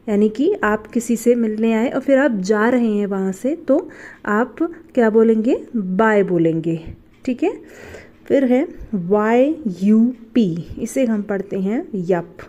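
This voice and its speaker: Mellow-voiced woman teaching slowly. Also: medium pitch, dull audio. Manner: patient, asks the class and repeats each answer. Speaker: English teacher. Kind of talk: step-by-step spelling and pronunciation lesson.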